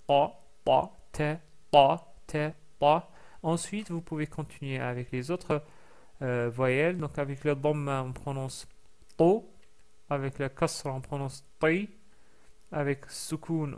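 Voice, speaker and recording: A man teaching a recorded language lesson, explaining patiently with many fillers and repeating example sounds slowly. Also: fairly high pitch, a little mellow, clear, resonant tone.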